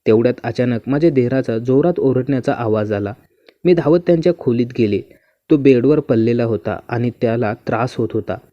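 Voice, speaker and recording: A man narrating a first-person story in a smooth, even and unhurried reading manner. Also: mid-range voice, dry recording. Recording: dull, muffled dry recording.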